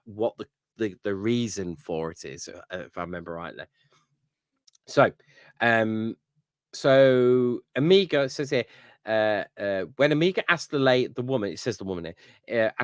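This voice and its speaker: A podcast co-host with a lowish, slightly bright voice casually recaps an episode, leaning on fillers and "you know what I mean" tag questions. The recording is dry and studio quality.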